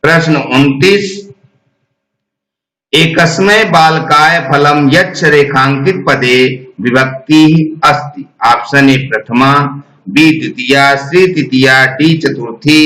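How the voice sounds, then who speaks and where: A man reading exam quiz questions and their answer options in a slow, deliberate recitation. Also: medium pitch, sharp tone, echoey room, low-quality recording. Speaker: exam prep teacher.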